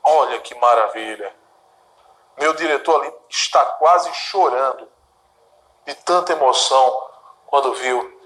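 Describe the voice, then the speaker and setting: A man's voice: medium pitch, unhurried, pauses often, fairly bright tone, reverberant, low-quality recording. A man with a Brazilian Portuguese accent teaching an exam-prep grammar lesson in a studio, talking emphatically with frequent asides to the class. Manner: chatty and emphatic, dotted with "olha" and "né?" asides. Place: studio with a director watching.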